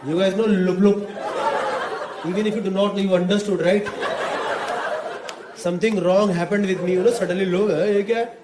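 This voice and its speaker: A man doing a stand-up comedy set, telling a story in lively Hindi mixed with English and talking to the audience. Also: sits high. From Delhi NCR. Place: comedy club stage before a live audience. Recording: echoey venue with audience laughter and noise.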